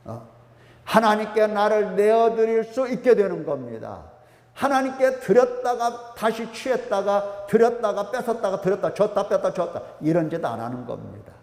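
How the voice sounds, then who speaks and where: A man's voice: high voice, darkish tone. A male pastor preaching a sermon in a church, emphatic, repeating phrases and prompting the congregation. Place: church sanctuary. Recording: echoey church hall.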